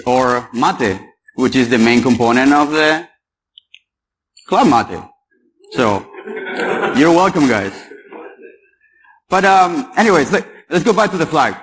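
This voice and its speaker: A man's voice: mid-range voice, poor audio. A young man from Paraguay giving a chatty, joking talk at a security conference and quizzing the audience. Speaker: conference speaker. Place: conference hall.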